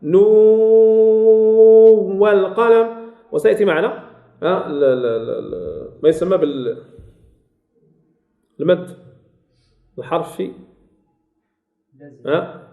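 A man's voice: on the high side, expressive, measured pace, gravelly, long pauses, narrow, tinny audio. A man with a Moroccan accent teaching the rules of Quran recitation in a classroom lesson. He repeats key phrases and quizzes his listeners as he goes. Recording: echoey room.

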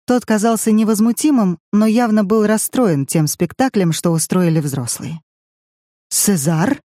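An audiobook reader narrating a family drama in measured, even storytelling. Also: medium pitch, dry recording, clean studio sound. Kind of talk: scripted narration.

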